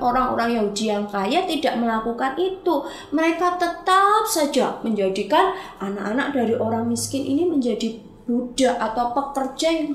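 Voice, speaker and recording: A woman teaching Sunday school, telling a Bible story to children in a lively way and asking them questions. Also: on the high side, reverberant, a little hiss or hum.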